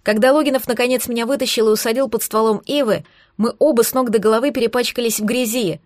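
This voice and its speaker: Higher-voiced woman narrating a novel. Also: fast, no echo, clean studio sound. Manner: steady, expressive first-person reading. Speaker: audiobook narrator.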